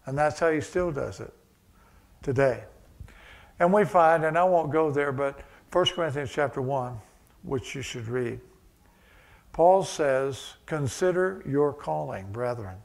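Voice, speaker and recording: A preacher man delivering a sermon, his somewhat high voice carrying a gravelly rasp. He slips from easy conversational asides into emphatic, building passages. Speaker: pastor.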